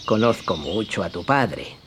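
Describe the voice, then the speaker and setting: A storyteller voicing a sly, smooth-talking fox in a hushed, coaxing, half-whispered voice. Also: deep voice, very animated, measured pace, slight background noise, pitched below the performer's own voice, exaggerated voice. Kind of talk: storybook reading.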